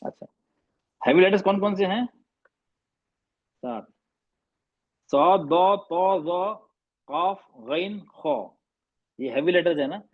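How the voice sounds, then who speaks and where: A man's voice: high voice, lively intonation, slow pace, long pauses, no echo, phone-quality sound. A man teaching Arabic letter sounds in an online class, patiently repeating and drilling sounds, slipping English phrases into his talk. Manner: mixes English phrases into Hindi. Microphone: video call microphone.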